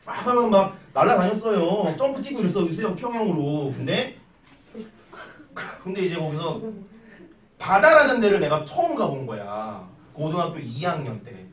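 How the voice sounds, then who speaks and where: A young man teaching math in a classroom, chatty and animated, telling stories and tossing questions at his students. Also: sits high, normal speed. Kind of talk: classroom lecture with storytelling. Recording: echoey classroom from a distance with faint noise.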